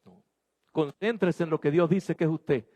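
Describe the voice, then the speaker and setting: A man's voice: on the high side, normal speed, dark tone. A man preaching a sermon as pastor, exhorting his congregation emphatically in a church. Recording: long hall reverb.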